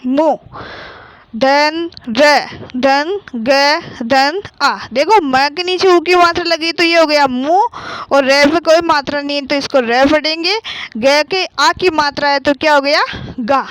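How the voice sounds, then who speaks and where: A woman's voice: high-pitched, slow pace, fairly bright tone, no room sound. A woman teaching a children's Hindi reading lesson, patiently spelling out each syllable and blending them into words.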